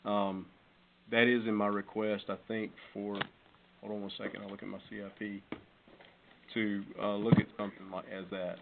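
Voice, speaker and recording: A fire chief reporting to council answers budget meeting questions in a matter-of-fact, explanatory way. His fairly low voice is flat with vocal fry at a moderate pace, carried over a narrow, tinny, phone-band conference call full of noise and clicks.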